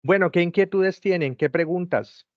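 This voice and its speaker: A man's voice: high-pitched, normal speed, no room sound. A man tutoring an online class over a video call, patiently repeating step-by-step instructions. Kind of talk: guiding students through a video call. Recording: dull lo-fi call audio, dry.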